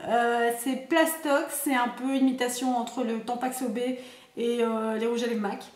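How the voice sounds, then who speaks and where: A woman's voice: on the high side, steady tone, measured pace, reverberant. A woman, chatting through a makeup unboxing, thinking aloud with many fillers. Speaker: beauty vlogger. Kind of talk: casual product unboxing and swatching.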